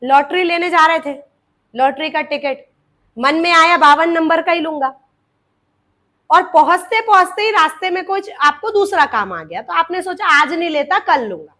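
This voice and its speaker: Woman, grammar teacher, very high pitch, acts out example sentences, addresses students fondly. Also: lively intonation, normal speed, bright, forceful tone. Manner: explains with acted examples, calls students "beta". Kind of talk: grammar lesson for exam students.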